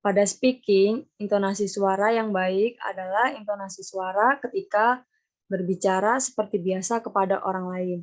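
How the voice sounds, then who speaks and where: A young woman with an Indonesian accent presenting an online class lesson over a video call, explaining slowly and repeating key terms. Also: medium pitch, steady tone. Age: young adult. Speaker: student presenter.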